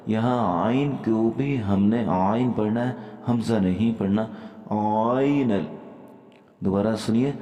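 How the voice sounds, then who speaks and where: A man with a low, mellow voice gives a calm, methodical lesson on reciting the Quran, breaking each word into its letters. Between explanations he recites verses slowly and draws them out. The recording sits in an echoey room with a long, lingering reverb.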